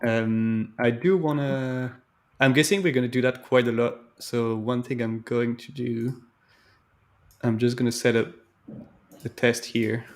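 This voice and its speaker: Over a video call, a man runs a live stream where he works through code informally, musing aloud in a hesitant, talkative manner. He speaks at a measured pace in a mid-range voice with fairly level intonation.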